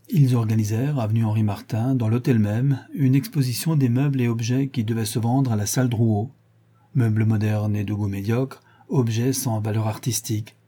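A man narrating a classic novel in a measured storytelling manner. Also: medium pitch, warm tone, breathy edge. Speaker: audiobook narrator.

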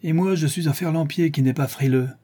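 A man's voice: fairly high pitch, fairly quick, mellow, pitched above the performer's own voice, close to an everyday voice. A man doing a cool mysterious stranger. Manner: cool, self-assured. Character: calm strong mysterious male stranger.

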